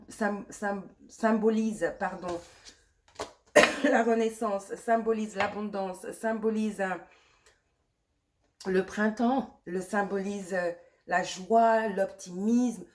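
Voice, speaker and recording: A woman giving a pick-a-card tarot reading while fighting a cold and a sore throat. She speaks straight to the viewer, reassuring and repetitive, and slips English words into her talk. The voice is close to the mic. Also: medium pitch. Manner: reassuring, repeats herself, mixes in English words. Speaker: tarot reader.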